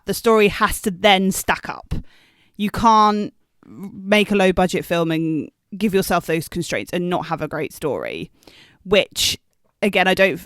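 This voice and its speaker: A woman's voice: on the low side, a bit bright, dry recording, studio quality. A woman and writer co-hosting a podcast, giving her views with confidence. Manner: confident, opinionated. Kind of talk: casual debate chat.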